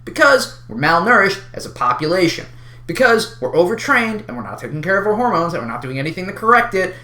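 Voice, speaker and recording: Exasperated, unhinged ranter with a bright, swooping voice. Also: medium pitch, very animated, fast, reverberant. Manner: exasperated, wild unhinged ranting with sarcastic emphasis. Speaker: online video creator addressing a community. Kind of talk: unscripted opinion rant to the listener, casual and sweary.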